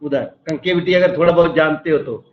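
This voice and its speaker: A maths lecture comes from a man whose voice is a little high and a little fast. He goes step by step and quizzes students, recorded in an echoey room with somewhat dull sound.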